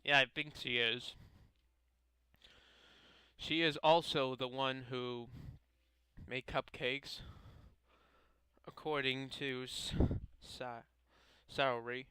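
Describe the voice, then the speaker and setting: A man's voice: mid-range voice, steady tone, slow, long pauses, pushed and bright, clear, resonant tone, no echo, poor audio. A young man casually reading a visual novel aloud to his viewers, stumbling over lines and joking at his own expense. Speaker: gaming video creator.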